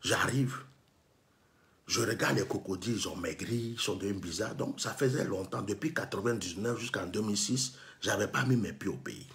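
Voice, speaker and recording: A man's voice: on the low side, normal speed, creaky, fairly bright tone. A man from Côte d'Ivoire with an Ivorian French accent, telling a story and delivering an impassioned, scolding monologue that acts out bits of dialogue.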